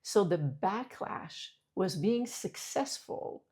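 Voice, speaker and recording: A woman's voice: mid-range voice, expressive, slow pace, a little mellow, breathy edge. A woman hosting a personal talk, telling a story in a candid, rambling way with frequent restarts. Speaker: host. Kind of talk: reflective personal monologue.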